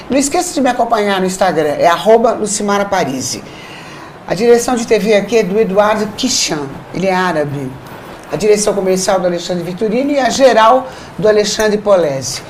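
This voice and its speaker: A woman hosting a TV talk show, chatting warmly and teasing her guest with effusive praise. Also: medium pitch, slight background noise. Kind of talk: casual TV chat.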